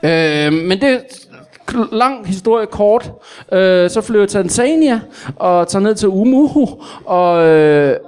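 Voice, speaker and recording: A man's voice: high voice, expressive, darkish tone, clean tone. Man playing a rambling, boastful tall-tale teller. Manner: stammering, halting, with frequent fillers and self-corrections. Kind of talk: improvised comedy interview.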